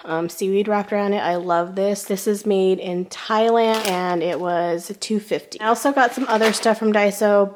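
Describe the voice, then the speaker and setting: A middle-aged woman from the United States, chatting casually through a shopping haul, item by item with prices, a bit hoarse as she is losing her voice. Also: medium pitch. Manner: chatty, shows items one by one with prices.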